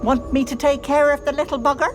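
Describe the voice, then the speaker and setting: A woman's voice: high voice, steady tone, fast talker, over music, close to an everyday voice. A woman voicing a bossy, sly old auntie hag in a video game, folksy and cajoling, with menace under the sweetness. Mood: wheedling, sly.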